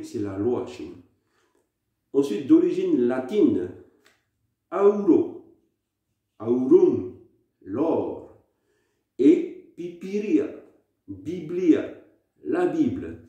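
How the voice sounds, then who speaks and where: A man's voice: medium pitch, mellow. A man from French Polynesia hosting a casual language lesson, explaining words one at a time with frequent hesitations. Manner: slow word-by-word explanations with hesitations. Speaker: language channel host. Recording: very echoey room.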